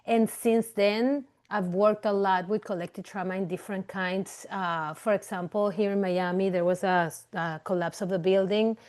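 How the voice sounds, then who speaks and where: A Venezuelan woman who works as a clinical psychologist talks through a webinar via video call, her darkish, medium-pitched voice fairly even in intonation. She keeps a moderate pace with hardly any pauses, though her style is loose, with many fillers and false starts.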